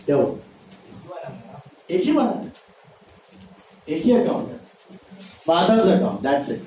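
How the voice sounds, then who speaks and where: A man's voice: fairly high pitch, wildly swooping pitch, takes it slowly, dark tone, slight background noise. A male teacher giving a classroom lecture, drilling steps by repeating them and quizzing his students. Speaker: commerce teacher. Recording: echoey classroom mic from far off.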